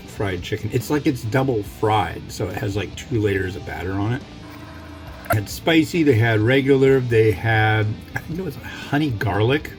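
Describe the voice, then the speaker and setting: A man with a mid-pitched voice reviews food casually over guitar music. He talks off the cuff as he eats, wandering into wry asides and tangents. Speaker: food reviewer and mukbang host. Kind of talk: casual rambling food review while eating.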